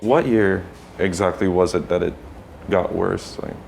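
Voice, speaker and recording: A woman's voice: very deep voice, a little slow, vocal fry, darkish tone, a little hiss or hum, low-quality recording. A woman hosting an interview, prompting her guest with affirming questions and frequent short agreement sounds. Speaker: interviewer host.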